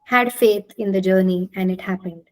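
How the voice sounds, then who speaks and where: Speaking at normal speed with fairly even intonation, a woman with a medium-pitched, slightly mellow voice is heard on a low-quality recording. She's a clinical psychologist from Maharashtra, India, native in Marathi, leading an interactive video-call talk in a conversational, encouraging way and inviting participants to chime in.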